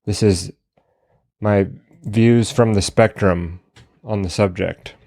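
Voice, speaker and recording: A man opening a prepared conference presentation in a measured, earnest way with pauses. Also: on the low side, steady tone, a little mellow, no room sound, studio quality.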